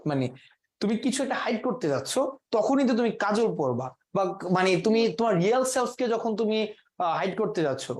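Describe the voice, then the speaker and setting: A man's voice: sits high, lively intonation, normal speed, darkish tone. A man leads a classroom vocabulary lesson. He explains each word step by step, stopping to quiz the students. He drops English terms into his sentences as he teaches. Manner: asks the class quiz questions, mixes in English words.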